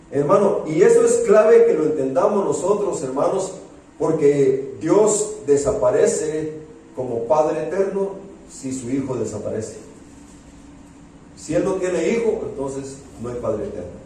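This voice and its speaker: A man's voice: a little high, animated, unhurried, dark tone. A male pastor preaching a sermon, with emphatic repetition of key words and frequent direct address to his congregation. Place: church hall. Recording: echoey room from far off, faint noise.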